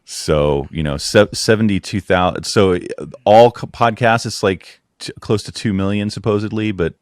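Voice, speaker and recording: A man co-hosting a podcast in casual chat, chatty and quick to laugh, often restarting words. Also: fairly low pitch, no room sound, clean studio sound. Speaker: podcast co-host.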